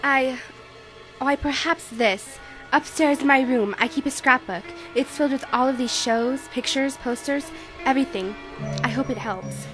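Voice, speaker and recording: A woman voices a troubled, wistful young magician's assistant seeking help, like a client in a noir radio drama with music underneath. Her fairly high, slightly bright voice is hesitant and earnest at a moderate pace, and the audio quality is poor.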